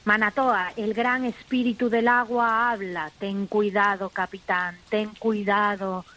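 A woman voicing a great water elemental in a radio play, giving slow, drawn-out, solemn and eerie warnings. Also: medium pitch, flat delivery, a bit bright, lightly acted, rough recording. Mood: ominous warning. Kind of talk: amateur radio re-enactment of a film scene.

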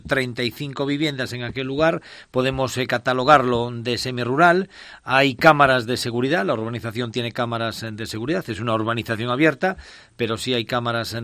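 A man with a mid-range voice hosts a radio news segment. His voice sounds dry and close, and he explains calmly, pausing on fillers. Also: mid-range voice, no room sound. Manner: measured, explanatory, with filler pauses. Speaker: radio host.

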